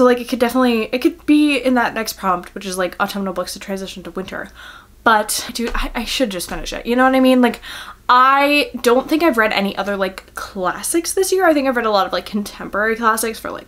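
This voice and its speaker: A young book vlogger with a fairly high, slightly bright voice chats casually in her vlog. She rambles, giggles, and pokes fun at herself.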